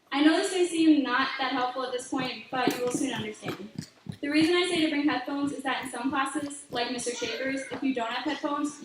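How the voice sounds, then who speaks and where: A high-voiced teenage girl delivers a heartfelt graduation speech, earnest as she offers advice. Her voice echoes heavily around a large hall. She sounds distant from the mic, with a faint hiss underneath. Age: late teens. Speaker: graduating student speaker.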